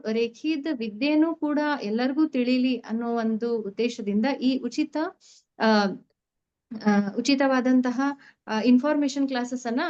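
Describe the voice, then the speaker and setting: A young woman teaching reiki, giving an earnest, halting introduction to a free online class and pausing often to find her words. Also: fairly high pitch, a little mellow. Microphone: online call audio. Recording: dull lo-fi online call audio.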